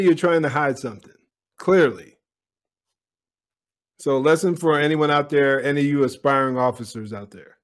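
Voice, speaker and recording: A man giving opinionated commentary on a police video, speaking bluntly and directly to his viewers. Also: a little high.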